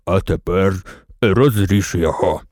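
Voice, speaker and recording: A man voicing a sleepy, lazy lion who yawns and growls in a deep bass. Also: darkish tone, no echo, studio quality. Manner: yawning, slow and drowsy, growling.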